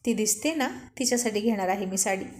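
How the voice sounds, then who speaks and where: A woman's voice: mid-range voice, fast, a little mellow, echoey room, natural voice. A woman doing a playful teasing young man. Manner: playful ribbing.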